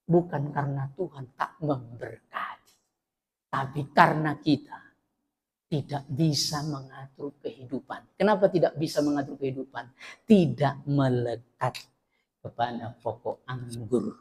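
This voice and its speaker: A male pastor, preaching a storytelling sermon in an animated way. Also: measured pace, slightly rough, big-room sound. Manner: animated, swings from loud acted scenes to low earnest preaching.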